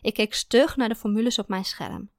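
Calm female audiobook narrator, dry sound. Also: fairly high pitch, moderate pace, no echo. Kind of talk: first-person audiobook narration.

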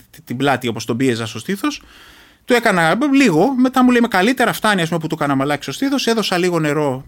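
With a voice on the high side, a middle-aged man from Greece, formerly a reserve commando, shares a personal experience as an interview guest. He tells it earnestly, breaking off and restarting haltingly.

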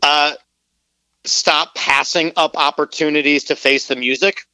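A man's voice: on the high side, steady tone, a little slow, bright, forceful tone, clear, resonant tone, dry recording, rough recording. A man calling in as a guest on a sports talk show, talking in a sarcastic, emphatic way. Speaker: guest podcaster. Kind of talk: casual sports chat. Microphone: phone call.

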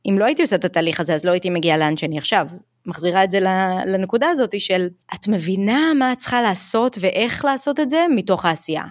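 With medium pitch and clean, echo-free studio sound, she comes across as a frank, introspective podcast guest. The Israeli English teacher and YouTuber sprinkles English phrases throughout her conversation.

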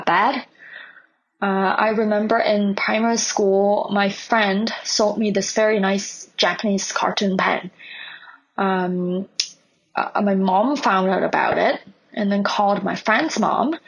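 A woman's voice: mid-range voice, gravelly. A woman from Hong Kong speaking as a podcast guest, reflective, with frequent ums and restarts. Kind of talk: podcast interview.

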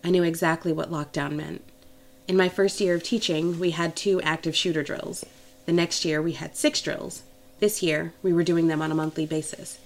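A woman's voice: low-pitched, fairly even intonation, moderate pace. A woman narrating a first-person romance novel in an intimate, emotional storytelling manner. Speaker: audiobook narrator.

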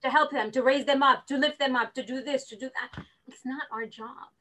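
The audio is low quality, and the woman's voice is high with a quick pace. Guesting in a casual interview, this real estate recruiter is lively and animated, dramatizing each conversation she relates.

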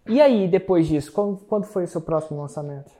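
A man hosting an interview, asking questions in a relaxed, joking way. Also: sits high, quick pace. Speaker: interview host. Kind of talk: casual interview chat.

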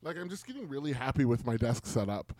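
A man's voice: mid-range voice, sing-song, fast, a little mellow, no echo. A man co-hosting a podcast in casual chat, rambling with enthusiasm about his setup. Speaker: podcast co-host.

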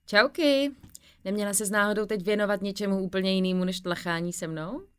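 A woman reading the lines of a blunt, loud young female best friend who scolds her friend. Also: mid-range voice, steady tone, clear, resonant tone, close to an everyday voice. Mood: mocking.

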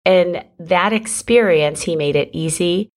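A middle-aged woman with a low voice hosts a solo podcast. She talks in a chatty, encouraging way and calls her listeners friends. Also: measured pace. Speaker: podcast host and business coach.

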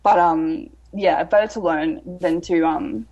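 A woman's voice: lowish voice, measured pace, warm tone. A woman explaining grammar myths in casual chat, her voice muffled as if heard through a wall, hesitant with lots of ums and restarts. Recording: dull, muffled mic sound.

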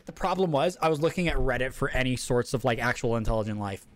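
A man's voice: mid-range voice, lively intonation, quick pace. A man co-hosting a casual chat, reading out and mocking a take in a sarcastic rant. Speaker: podcast co-host.

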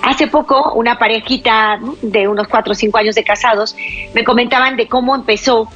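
A woman giving relationship advice to women, firm and slowing down to stress key points. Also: fairly high pitch, fairly even intonation, fairly bright tone, highs cut off, faint music behind.

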